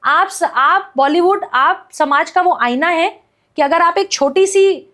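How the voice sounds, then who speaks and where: A woman activist talking as a guest on a podcast, her voice pitched very high. She argues with heated conviction, piling up repeated phrases and rhetorical questions. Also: takes it slowly. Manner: forceful, repetitive rhetorical ranting. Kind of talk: impassioned podcast commentary.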